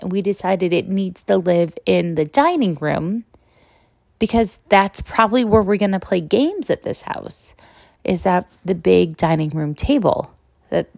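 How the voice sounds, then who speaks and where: Speaking casually into a makeshift, non-studio setup, a middle-aged woman delivers a candid podcast monologue and keeps checking in with "right?" Her voice sits in the mid range, creaky and darkish in tone, with no echo.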